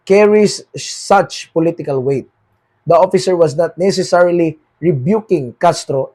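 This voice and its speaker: A Filipino man with a Filipino accent hosting a political commentary monologue, moving between read English lines and Tagalog and dropping quieter at the end of phrases. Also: a little high. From Philippines. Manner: switches between read English and Tagalog, repeats "mga kaboses, mga kababayan"; trails off quieter at phrase ends.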